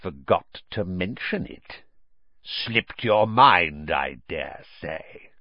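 Bullying middle-aged uncle, hissing, emphatic, gloating, swinging pitch, audiobook villain, slightly dull sound. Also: male voice, animated, unhurried, slightly rough, dry recording, heavily acted. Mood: gloating menace. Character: menacing middle-aged bullying uncle, hot-tempered, falsely respectable. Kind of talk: audiobook character voice.

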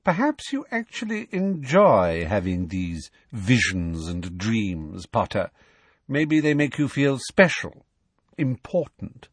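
A cold, menacing schoolmaster, as a male narrator puts him on, his words low and clipped. His voice is husky, and it swings widely between soft threats and sharp jabs. The sound is dry and close. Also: sing-song, slow pace, no echo, full character voice. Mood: cold, sneering.

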